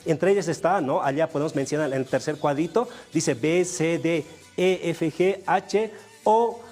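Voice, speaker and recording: Man, from Bolivia, language lesson presenter, high lively voice, faint music. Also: moderate pace. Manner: lively, addresses viewers as brothers, explanatory. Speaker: Aymara language teacher.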